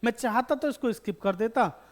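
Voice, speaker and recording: A man's voice: extremely high pitch, normal speed. A man teaching an online accountancy lesson to school students, asking them questions and answering them himself, repeating key terms and addressing them as children. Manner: calls students beta, bachche, addresses viewers directly. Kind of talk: online exam-prep lesson.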